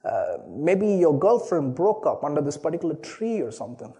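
A pastor from Chennai, a native Tamil speaker with an Indian accent, preaches a sermon built around a personal story, earnest and often restarting phrases by repeating their opening words. His fairly high voice is warm and sing-song, at a moderate pace.

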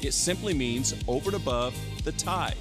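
A man with a mid-pitched voice gives an earnest, measured church appeal. Loud instrumental music plays under his voice-over. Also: lively intonation. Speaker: pastor.

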